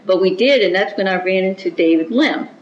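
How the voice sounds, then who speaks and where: A woman giving an oral history interview, recounting events in a measured, reflective way with small restarts. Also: mid-range voice, a little hiss or hum. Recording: roomy, dull-sounding recording.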